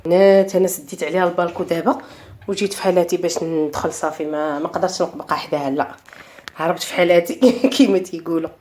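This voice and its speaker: Her voice is lowish, darkish, and steady, and she speaks fast while chatting casually to viewers in a home vlog. The vlogger has a Moroccan accent and films on her balcony with a phone in hand. There's a bit of hiss or hum.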